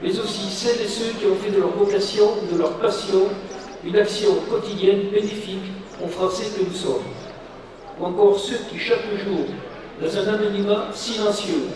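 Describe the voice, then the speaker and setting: A man's voice: sits high, normal speed. A man reading out a formal, grandiloquent commemorative speech as a public official at a ceremony. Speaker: public official giving an address. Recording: very echoey, distant mic, crowd.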